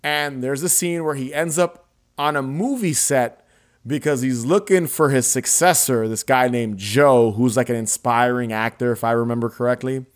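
A young adult man hosting a podcast, retelling a film scene in a casual, animated way with laughs and swearing. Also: mid-range voice, normal speed. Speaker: podcast host. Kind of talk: casual chat.

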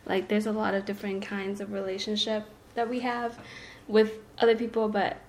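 A woman co-hosts a podcast in relaxed, casual chat. She sounds reflective and breaks into light laughs now and then. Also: mid-range voice, normal speed. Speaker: podcast co-host.

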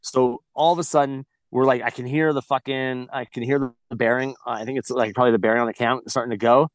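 A blunt man tells a story in casual conversation, swearing freely and circling back on himself with restarts. His pitch sits in an ordinary middle range for a man. The sound is dry and close, with no room echo. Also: fairly even intonation, fast. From United States. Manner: blunt and heavily profane, rambling with restarts. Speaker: podcast guest.

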